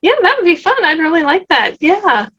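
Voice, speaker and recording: A woman's voice: extremely high pitch, big pitch swings, normal speed, a bit bright. Effusive woman guest on a dull call. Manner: effusive, enthusiastic. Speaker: interview guest, channel creator. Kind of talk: casual interview chat.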